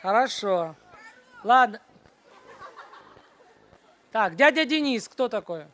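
A woman teaching at a children's church, running a brisk Bible quiz and then a short sermon, and she keeps hushing the noisy group. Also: on the high side, lively intonation, some chatter behind.

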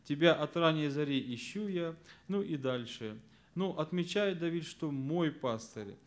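A man teaching fellow children's Sunday school teachers, earnestly stressing key words and dropping to a soft voice at verse endings. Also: on the high side, animated, a little slow. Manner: explanatory, addresses listeners as friends.

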